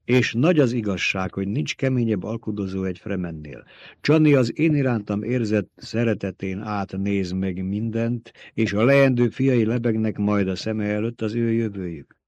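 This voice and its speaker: A man voicing a cold, commanding young male ruler in an audiobook, speaking in a measured way as he dictates terms. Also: fairly low pitch, darkish tone, no echo, lo-fi sound, lightly acted. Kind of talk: audiobook reading.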